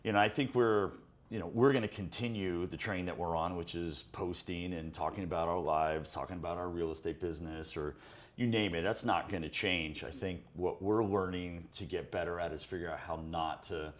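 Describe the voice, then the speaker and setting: A man's voice: low voice, steady tone, moderate pace. A man co-hosting a podcast, talking in a reflective, reassuring casual chat. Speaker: podcast co-host.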